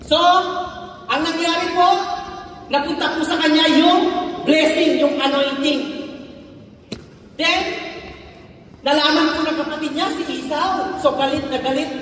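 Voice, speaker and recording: A man's voice: very high-pitched, steady tone, unhurried, pauses often, a bit bright. A male pastor with a Filipino accent preaching a sermon, often asking the congregation "no?" and mixing in English phrases. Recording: far-off voice in a long echoey hall.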